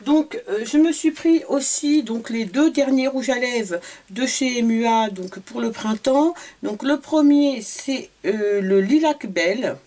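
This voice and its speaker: A woman's voice: fairly high pitch, a little slow, warm tone, slight background noise. A woman from France, a beauty vlogger, chatting casually through a shopping haul video, hesitant with many fillers and repeated words.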